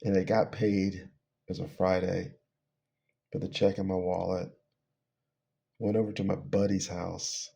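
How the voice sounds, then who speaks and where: A man's voice: sits low, level tone, a little slow, gravelly, long pauses, mellow. A middle-aged man casually telling a personal testimony, rambling and laughing between phrases as he trails off. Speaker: storyteller.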